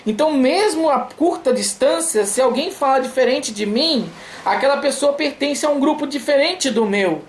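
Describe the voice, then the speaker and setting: A woman talks through her ideas like a lecture, stopping to repeat words and asking the viewer if they follow. Her voice sits a little high. The recording carries a noticeable room echo. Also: lively intonation. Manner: halting, repeats words, checks in with "ok?" and "certo?". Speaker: author explaining her book's ideas. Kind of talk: explanatory video lecture. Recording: echoey room.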